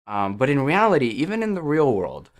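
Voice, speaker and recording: Brisk and mid-range with big pitch swings, a man at his indoor computer near a wall explains audio settings through a headset. It's a casual, meandering tech ramble, halting and self-deprecating, with lots of fillers and restarts.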